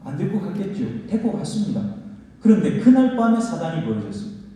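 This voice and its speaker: A man's voice: high-pitched, very animated, quick pace, warm tone. A male pastor preaching a sermon in a folksy storytelling manner, asking the congregation questions. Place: church sanctuary. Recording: echoey church hall from far off.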